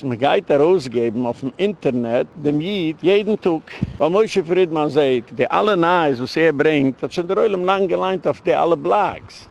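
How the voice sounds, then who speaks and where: Gravelly-voiced rabbi lecturing heatedly. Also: male voice, a little high, a little mellow. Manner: rambling and emphatic, sprinkles in English words.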